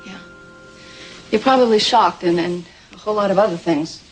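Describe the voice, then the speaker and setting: A woman's voice: medium pitch, normal speed, soft background music, lightly acted, rough recording. An actress playing an anxious, proud young pregnant woman in a 1980s soap opera, talking hesitantly with stumbling restarts. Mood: anxious, defensive.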